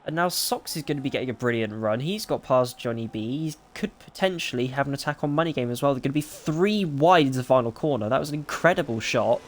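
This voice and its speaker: A man giving excitable, rapid play-by-play as the lead commentator of a live sim racing broadcast. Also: mid-range voice.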